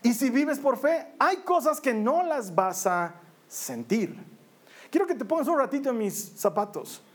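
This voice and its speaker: Jokey priest preaching. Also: male voice, very high voice, sing-song, measured pace. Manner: conversational, humorous storytelling. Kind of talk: sermon.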